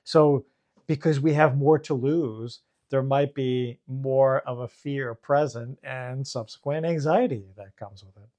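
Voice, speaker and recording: A man, a therapist co-hosting a podcast, explaining calmly and mixing clinical terms with casual swearing. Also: medium pitch, a little slow. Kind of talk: casual chat.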